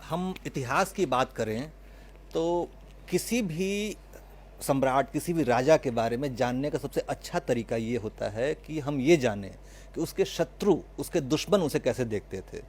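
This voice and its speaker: A man's voice: mid-range voice, expressive, measured pace, a little mellow. A man giving a fluent, rhetorical speech about history, building emphasis as he goes.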